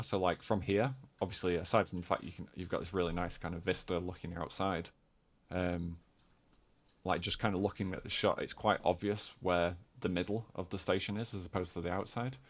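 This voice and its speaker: A game developer explaining footage, speaking hesitantly with many fillers. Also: male voice, low-pitched. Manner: hesitant, full of hedging fillers.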